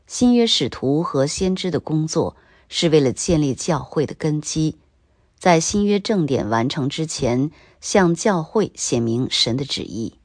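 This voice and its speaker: Woman reading bible notes real slow, low voice, dry close sound. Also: no room sound. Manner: slow, measured, even reading. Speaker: Bible commentary reader. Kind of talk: scripted Bible commentary narration.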